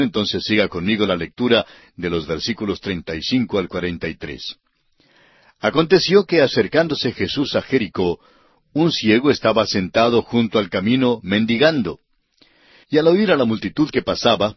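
A man with a husky, slightly breathy voice delivers a radio Bible study and speaks earnestly to the listener as a friend. The sound is dry and close, with a dull, lo-fi radio tone. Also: on the low side, no room sound. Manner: earnest, addresses the listener directly.

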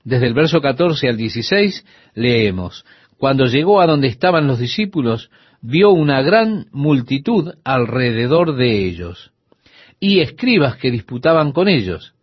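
A man's voice: mid-range voice, measured pace, slightly rough, dry recording, dull audio. A man teaching the Bible for radio listeners, telling a story and voicing the people in it. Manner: lively storytelling, voicing the people in his anecdote.

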